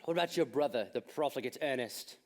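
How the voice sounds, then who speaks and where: A young man acting a witty, idle gentleman in a school stage comedy, with a playful, teasing delivery. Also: medium pitch, quick pace, close to an everyday voice. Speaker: stage actor in a school play.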